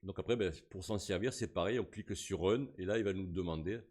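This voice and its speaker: Man, lowish voice, casual tutorial narration, filler-heavy step-by-step. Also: brisk, darkish tone. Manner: casual, talks through each click with fillers. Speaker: tutorial host. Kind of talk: screen-recorded software tutorial.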